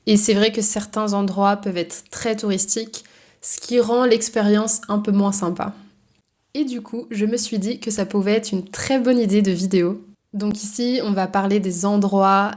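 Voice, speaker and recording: A young woman from Brittany who teaches French, chatting casually to camera in a relaxed, gently enthusiastic way with small fillers. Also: mid-range voice. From France (Brittany).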